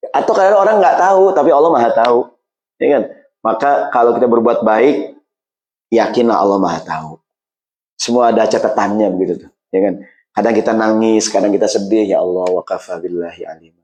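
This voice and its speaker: A man preaching a casual sermon in a mosque. He talks in lively slang and jumps high in pitch when he quotes other people. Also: a little fast, lo-fi sound.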